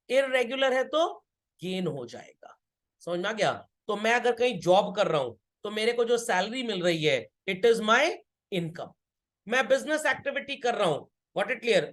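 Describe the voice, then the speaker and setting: During a classroom accountancy lecture, a man with a high, slightly bright voice repeats his key points and keeps checking whether his students have understood.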